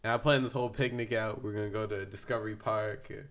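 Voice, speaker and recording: A man's voice: lowish voice, steady tone, fast talker. A young man telling a rambling, laughing anecdote full of slang as a podcast guest. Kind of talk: casual storytelling.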